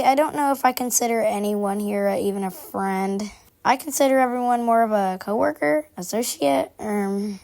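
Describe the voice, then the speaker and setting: A woman's voice: mid-range voice, vocal fry, darkish tone, close to an everyday voice. A woman voicing a prim, busy, gossipy game character who confides in formal phrasing, aloof but chatty. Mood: prim, musing. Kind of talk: scripted character monologue.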